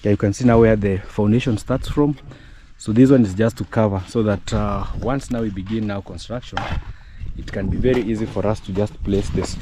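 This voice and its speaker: Guy vlogging at a building site outside, lowish warm voice, friendly and explaining stuff. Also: slight background noise. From East Africa. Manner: friendly, explains step by step to viewers. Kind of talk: casual vlog walkthrough. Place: outdoors at a village building site.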